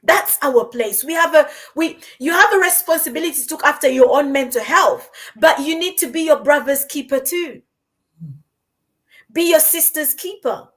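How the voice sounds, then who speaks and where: Woman, from Uganda, high voice, earnest, encouraging, podcast host. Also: normal speed, a bit bright. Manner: earnest, encouraging, repeats words as she goes. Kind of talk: conversational podcast talk. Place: London.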